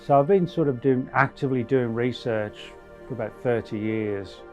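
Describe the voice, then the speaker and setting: A man with an average-pitched voice speaks reflectively and without hurry in an interview. The recording sounds a little dull and muffled. Quiet music plays behind. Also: normal speed. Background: faint music.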